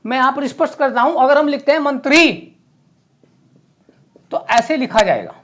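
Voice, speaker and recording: A man teaching a lesson to exam students, writing on a board as he explains and repeating words slowly and clearly. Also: extremely high pitch, lively intonation, fairly bright tone.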